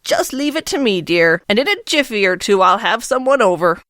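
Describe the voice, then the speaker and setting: A man's voice: high voice, sing-song, moderate pace, bright, forceful tone, dry recording, clean studio sound, voice pushed up, exaggerated voice. A man voicing a kindly, fussy old woman neighbor in an audiobook, with a doting manner. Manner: doting, fussing. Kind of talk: audiobook character voice.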